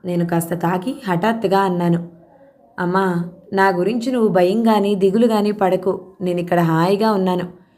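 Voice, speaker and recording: Woman reading a novel out loud, expressive, acts out the dialogue. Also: fairly low pitch, normal speed. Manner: expressive, shifts tone for quoted dialogue. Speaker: audiobook narrator. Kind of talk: reading a novel aloud, voicing all characters.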